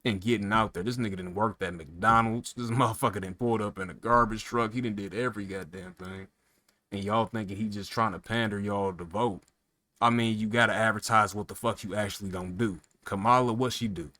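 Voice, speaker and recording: A man with a somewhat low voice vents in a heated, profanity-laced rant. He talks straight at the listener, piling on emphatic rhetorical questions. The recording is dry, with no room sound. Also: pushed and bright, no echo. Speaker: political commentator. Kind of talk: casual political rant.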